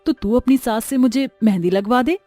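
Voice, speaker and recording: A woman's voice: fairly high pitch, moderate pace, warm tone, soft background music, lightly acted. A woman voicing a chatty young friend. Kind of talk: storybook voice acting.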